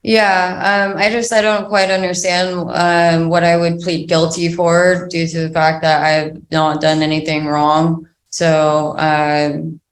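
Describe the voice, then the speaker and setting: Woman defendant talking real slow and halting, kinda defensive, echoey room. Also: lowish voice, flat delivery. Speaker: defendant in court. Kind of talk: answering a judge's questions. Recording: echoey courtroom.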